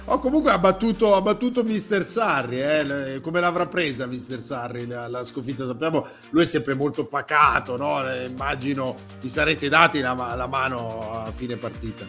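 A man's voice: mid-range voice, normal speed, hardly any pauses, bright, forceful tone, faint music behind. A man hosting a comic live stream with colloquial, exasperated interruptions. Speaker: host.

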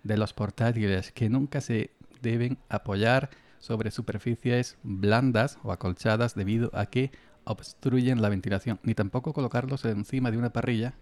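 A man's voice: medium pitch, steady tone, moderate pace, a little mellow. A man hosting a casual podcast, reading items aloud with jokey asides. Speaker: podcast host.

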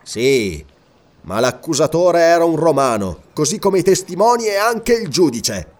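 A man's voice: on the high side, big pitch swings, unhurried, pitched above the performer's own voice. A man voicing a proud, indignant barbarian king in an audiobook reading. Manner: indignant, tense.

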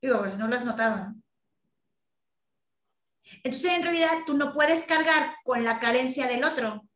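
A woman's voice: high voice, normal speed, fairly bright tone, roomy sound. A woman leading a group talk, emphatic and acting out quoted lines. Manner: emphatic, acts out quoted speech. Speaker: workshop leader. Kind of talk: group talk over video call.

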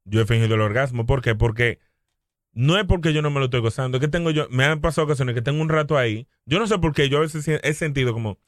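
A man's voice: mid-range voice, fast talker, no room sound, studio quality. A man with a Dominican accent chatting casually, telling stories with slang and quoted dialogue as a co-host. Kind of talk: casual group chat.

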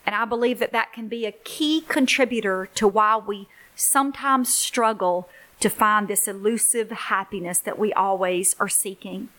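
A woman's voice: medium pitch, steady tone, moderate pace. A middle-aged woman hosting a faith-based podcast for single moms, telling stories in an earnest, encouraging way. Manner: warm storytelling, earnest and encouraging. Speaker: podcast host, ministry leader.

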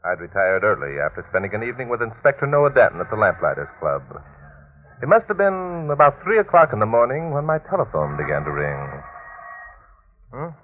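A man playing a testy, self-assured amateur detective and narrator in 1940s radio drama style, with formal, gruff phrasing. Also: fairly low pitch, big pitch swings, a little fast. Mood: measured narration. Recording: muffled old radio recording, narrow band.

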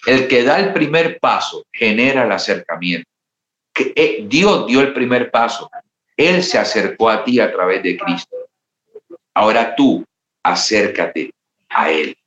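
A man's voice: fairly low pitch, lively intonation, a little slow, fairly bright tone. A man preaching a sermon as pastor, with a passionate delivery and dramatized quotations. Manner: impassioned preaching, acting out quoted voices. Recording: roomy, slightly dull sound.

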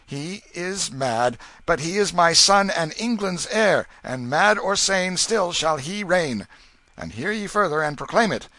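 A man's voice: high voice, lively intonation, unhurried, sharp tone, no room sound, voice pushed up, exaggerated voice. A man voicing a dying old king who is wrathful and commanding, declaiming in archaic, imperious speech.

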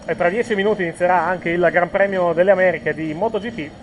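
Fairly high-voiced man commentating football, self-correcting. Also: brisk, dull audio, slight background noise. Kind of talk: informal live match commentary.

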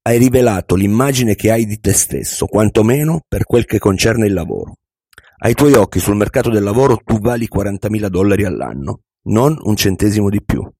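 A wise, unhurried older millionaire , voiced by a man reading an audiobook speaks in measured, instructive tones. The voice sits low and dark with a slightly husky edge. The recording is dry and close. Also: animated, no room sound. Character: wise, calm older male millionaire mentor.

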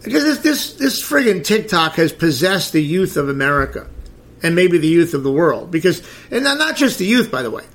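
A man's voice: a little high, very animated, brisk, fairly bright tone. A middle-aged man hosting a podcast, ranting about celebrity gossip in a crude, sarcastic way. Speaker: podcast host. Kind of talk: blunt celebrity gossip commentary.

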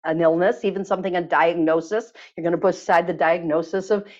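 A woman's voice: lowish voice, quick pace. A woman telling a healing story at length, then leading a listener through a guided exercise, with lots of fillers. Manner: warm, lively storyteller, many fillers. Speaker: guest teacher on body healing. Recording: dull lo-fi sound.

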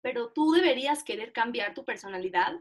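A young woman with a Mexican Spanish accent teaches an online class in a high, lively voice. She talks fast and chattily and pokes fun at herself. The sound is that of a video call. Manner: chatty, animated, self-mocking. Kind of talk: casual online lesson.

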